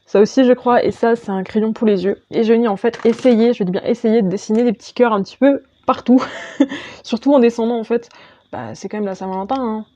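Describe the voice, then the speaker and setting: A woman's voice: a little high, fairly quick, dark tone, no room sound, lo-fi sound. A woman talking through her makeup step by step as a beauty vlogger, chatty and casual. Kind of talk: makeup tutorial voice-over.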